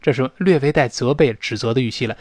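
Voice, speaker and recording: A Chinese man teaching an English pronunciation lesson in Mandarin, drawing English words out slowly to model them. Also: mid-range voice, darkish tone, dry recording. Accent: Mandarin-speaking teacher.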